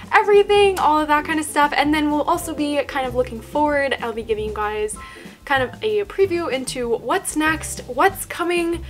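A young woman hosts her own casual vlog, chatting to viewers in a bubbly, enthusiastic way. Her voice sits high and light, with a giggly edge. Soft music plays faintly behind her. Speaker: YouTube vlogger.

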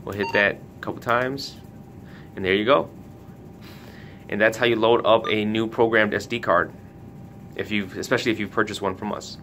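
Speaking at a moderate pace with fairly even intonation and a slightly bright tone, a man hosts a retailer's casual hands-on product tutorial. He gives careful step-by-step instructions over noticeable background noise with a low rumble.

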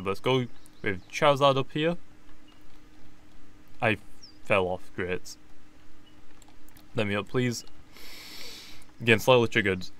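A man's voice: on the low side, a bit bright, clean tone. A man giving casual gameplay commentary, thinking aloud and correcting himself as he goes. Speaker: gaming YouTuber.

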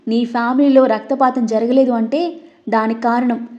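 Storybook villain: woman reading as a domineering young man, harsh, mellow dark tone. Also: fairly high pitch, steady tone, normal speed, natural voice. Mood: menacing. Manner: stern and harsh. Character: cold, menacing young husband, domineering. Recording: dull lo-fi recording.

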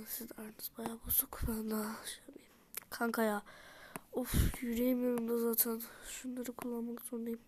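A woman in whispered role-play, voicing dolls in a game and switching between character voices, often softly whispering. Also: a little high, slight background noise. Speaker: YouTuber voicing dolls in a life-sim game.

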